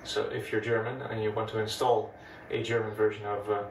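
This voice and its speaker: A fairly low, fairly quick voice comes from a Dutch-accented man, Dutch by birth, narrating an old computer demo in a relaxed, chatty, step-by-step way. He's a retro computing host surrounded by vintage machines. The mic is far off in an echoey room with slight background noise.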